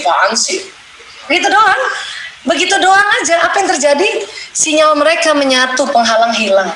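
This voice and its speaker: A middle-aged woman giving a playful religious marriage talk to women, acting out little prayers and dialogues. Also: high-pitched. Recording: echoey room with loud background noise.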